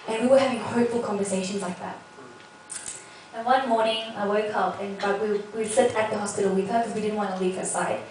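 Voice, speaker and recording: A woman's voice: medium pitch, steady tone, brisk, darkish tone. A young woman giving a spoken personal testimony in an earnest, heartfelt storytelling manner. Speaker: speaker sharing a personal testimony. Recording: echoey, distant mic with faint noise.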